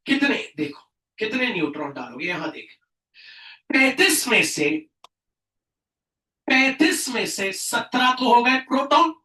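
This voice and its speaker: A man teaching a classroom chemistry lesson as a tutor, asking questions and answering them himself, with loud bursts of emphasis and English science terms mixed into his speech. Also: very high voice, big pitch swings, a little slow, long pauses. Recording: echoey room, mic at a distance.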